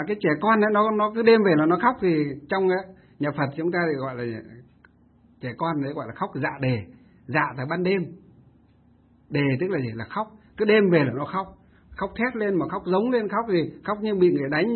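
A male Buddhist monk telling a story in a sermon, getting animated when he stresses a point. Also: on the high side, husky. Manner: animated storytelling, rising with emphasis. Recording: tinny phone-like radio sound.

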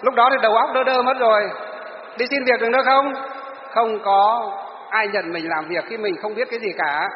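A man's voice: high voice, normal speed, slight background noise. A male teacher, lecturing students in class and answering his own rhetorical questions. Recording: echoey hall, dull lo-fi.

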